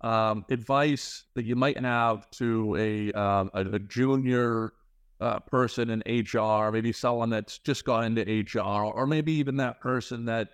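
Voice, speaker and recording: A man hosting a casual interview, speaking haltingly and repeating words as he shapes his thoughts. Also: mid-range voice, clear, resonant tone, no echo. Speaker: podcast interview host.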